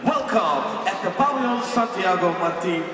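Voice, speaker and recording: A man in his thirties working as a boxing ring announcer, calling out in a booming showman style with drawn-out words over an arena PA. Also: expressive. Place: ring in a large indoor arena. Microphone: handheld microphone over PA. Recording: echoey arena PA, distant, noisy crowd.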